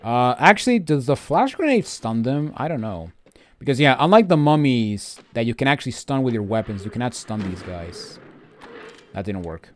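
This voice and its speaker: A man's voice: medium pitch, very animated, normal speed. Informal man doing game walkthrough commentary. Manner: informal, grumbling, rambling. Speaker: video game walkthrough host. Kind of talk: casual gameplay commentary.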